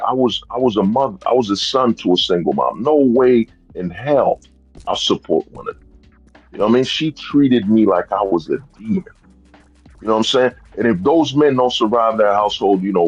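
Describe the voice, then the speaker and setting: A man in his thirties hosts a livestream in a low, husky voice, and the recording quality is poor. He rambles through a casual rant, dropping "bro" and "you know what I'm saying" again and again.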